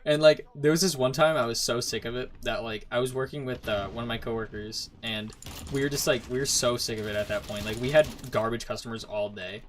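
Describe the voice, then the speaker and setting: A man's voice: mid-range voice, fairly quick, a little hiss or hum. A young man streaming a game, chatting casually and acting out customers in his stories. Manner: animated storyteller, acts out customers. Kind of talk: casual chat while gaming.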